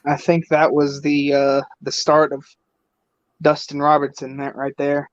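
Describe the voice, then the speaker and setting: A man's voice: fairly high pitch, monotone, unhurried, dry recording, lo-fi sound. A twenty-year-old man chatting as a guest, teasing the others and laughing often. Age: 20s. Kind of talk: casual chat.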